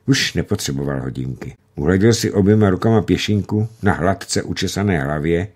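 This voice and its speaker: A man narrating a novel in a measured, dramatic reading for radio. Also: low voice, a little mellow.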